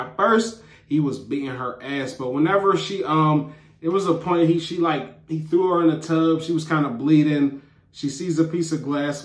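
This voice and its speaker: A man giving a casual, rambling, slang-filled recap of a TV episode as a show reviewer. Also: on the high side. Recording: roomy echo.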